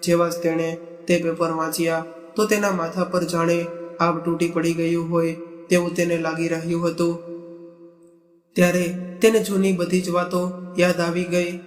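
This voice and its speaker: A male storyteller with a high voice that stays flat and level, reading a moral story in a steady way. The voice sounds echoey and reverberant, as if in a large room. Soft music plays faintly underneath. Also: normal speed, long pauses. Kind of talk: read-aloud moral story narration.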